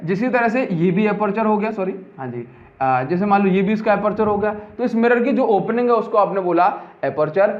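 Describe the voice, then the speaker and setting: A man teaching a physics lesson, who keeps repeating key terms and asking his students whether they have understood. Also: high voice. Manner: mixes in English terms, asks and answers his own questions. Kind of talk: classroom lecture. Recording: dull lo-fi audio.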